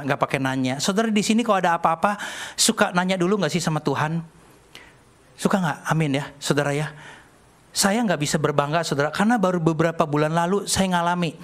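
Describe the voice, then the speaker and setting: An older man preaching a sermon, telling a personal story in a chatty, joking way. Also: high-pitched. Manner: chatty, jokey, acts out dialogue in animated voices. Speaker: pastor.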